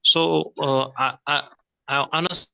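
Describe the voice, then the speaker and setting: A man's voice: a little high, fairly even intonation, creaky, pushed and bright, no room sound. A man asking a hesitant question at an online talk, his voice breaking up over a bad call connection. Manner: hesitant, halting, many restarts. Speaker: audience member asking a question. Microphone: video call.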